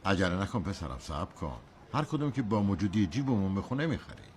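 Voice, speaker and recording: A man's voice: sits low, sing-song, darkish tone, a little hiss or hum. A man dubbing a cautious father who is careful with money while shopping for a car. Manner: cautious, patient.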